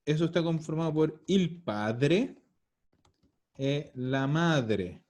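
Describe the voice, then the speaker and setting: A man's voice: on the high side, lively intonation, slow pace, darkish tone. A man teaching an online language lesson, patiently explaining and repeating words over a video call. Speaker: Italian teacher.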